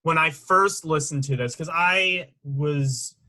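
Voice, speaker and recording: A young man with a fairly high, bright voice talks through his music opinions in a loose co-host chat. He rambles, restarts and keeps hedging with "in my opinion.". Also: takes it slowly, poor audio. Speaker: podcast co-host. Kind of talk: casual music review chat.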